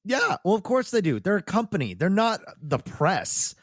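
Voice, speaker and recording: A man's voice: sits high, very animated, normal speed, dry recording, studio quality. A man hosting a podcast and chatting casually. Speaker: podcast host. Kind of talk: casual chat.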